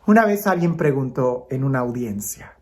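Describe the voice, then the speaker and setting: A priest giving an Advent homily, slow and dramatic, moving from emphatic lines to hushed ones. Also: male voice, mid-range voice, lively intonation.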